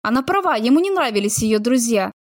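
A woman narrating a romance novel as an audiobook, in a steady, expressive storytelling manner. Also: fairly high pitch, a little fast, dry recording, clean studio sound.

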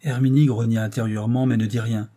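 Husky, dark-toned male narrator. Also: medium pitch. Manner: steady, measured storytelling. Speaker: audiobook narrator. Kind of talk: scripted narration of a novel.

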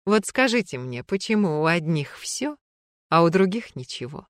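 A woman reading a story, voicing a drunk middle-aged woman who weeps and pleads, rising to shrill cries. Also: sing-song, moderate pace, dry recording, clean studio sound. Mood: tearful.

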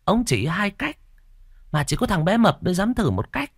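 A man's voice: sits high, big pitch swings, moderate pace, husky, no echo, studio quality, pitched above the performer's own voice, full character voice. A man voicing a sly, boastful twelve-year-old village boy who chatters in a conspiratorial, defensive way in a spoken ghost story. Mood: excited.

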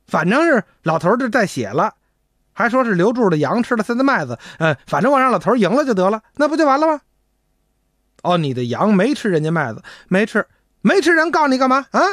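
A man plays a blustering, illiterate old-time magistrate who trips over his own orders. His pitch jumps about in lively swings. The sound is close and dry. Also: no room sound. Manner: blustering, stammering. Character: pompous, illiterate male county magistrate.

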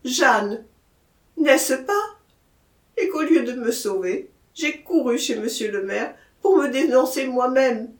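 A woman's voice: sits high, lively intonation, slow, roomy sound, voice pushed up. A woman putting on a frantic pleading murderer. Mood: insistent. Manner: frantic, pleading, near tears. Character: terrified male murderer, pleading, half-mad.

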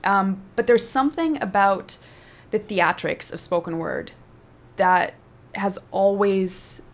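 Here a woman, a poet and teacher who grew up speaking Afrikaans, delivers a spoken word piece with slow, dramatic pacing and talks about how she works. She speaks at a medium pitch.

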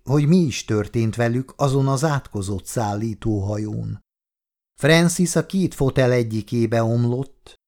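A man narrating a novel in a measured, steady reading voice. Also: mid-range voice. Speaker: audiobook narrator. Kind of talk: scripted narration.

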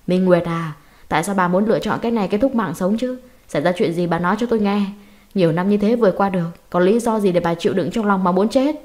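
A woman's voice: medium pitch, fast, a little mellow, natural voice. A woman voicing a grieving older husband who begs his dying wife to stay. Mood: pleading. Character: grieving father, older man, plaintive.

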